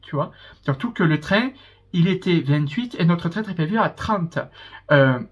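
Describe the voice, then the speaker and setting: A man's voice: fairly high pitch, lively intonation, measured pace, a little hiss or hum. A young man with a southern French accent telling a rambling storytime in his vlog, full of hesitations. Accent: southern French, Pyrénées-Orientales. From France, Pyrénées-Orientales. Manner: chatty, rambling, many hesitations. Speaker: vlogger.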